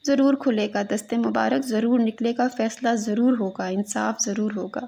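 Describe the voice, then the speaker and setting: A woman's voice: on the high side, fairly even intonation, gravelly, dark tone. A woman voicing a distraught young woman who insists on her vow to stay at a shrine, in a fervent, repeating manner. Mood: insistent.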